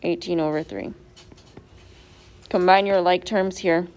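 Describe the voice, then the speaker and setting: A woman's voice: on the low side, fairly even intonation, measured pace, a little mellow. A woman teacher going over quiz answers step by step in a classroom, asking her students questions as she goes. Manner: patient, step-by-step, quizzes students. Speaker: math teacher.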